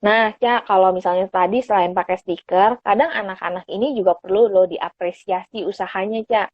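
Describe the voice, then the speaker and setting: Woman psychologist guest, patient explainer, husky tone, dull phone-stream sound. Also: mid-range voice, steady tone, a little fast, no echo. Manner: patient and explanatory, often calls the host by name; casual conversational speech with fillers. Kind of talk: explaining parenting tips in a live chat. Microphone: phone on an Instagram live stream.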